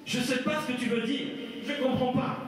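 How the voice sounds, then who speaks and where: A preacher doing the apostle Peter as a frightened man, brushing off every question with evasive, insistent denials. The voice rides high and rings out across an echoey hall, heard from some way off the mic. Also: steady tone, normal speed, recorded from a distance, a little hiss or hum.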